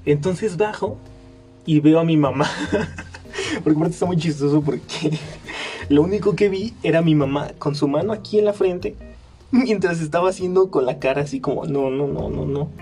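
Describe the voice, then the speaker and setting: Young Mexican man, podcast host, chatty storyteller with a slightly high, mellow voice. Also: moderate pace, soft background music. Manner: chatty, laughs often, many fillers. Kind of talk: casual storytelling.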